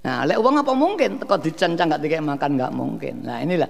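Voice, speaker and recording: A man's voice: fairly high pitch, animated, brisk, vocal fry, slight background noise. A man preaching a sermon at a large outdoor gathering, with a rising and falling cadence and mixed in.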